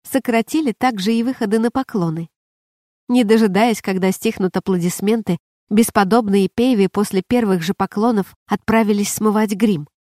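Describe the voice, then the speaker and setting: A woman narrating an audiobook in an even, measured reading voice. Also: medium pitch, dry recording, studio quality. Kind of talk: scripted narration.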